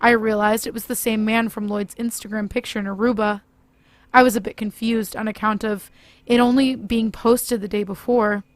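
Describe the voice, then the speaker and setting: A woman narrating a first-person horror story in a steady, scripted delivery. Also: fairly high pitch, normal speed, dry recording.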